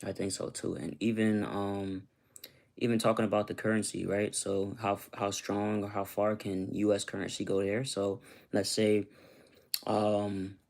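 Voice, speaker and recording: A Costa Rican YouTuber chats loosely with his viewers on a casual livestream, often asking "you know what I'm saying." His voice is fairly low, level in tone, a bit slow, creaky, and slightly mellow.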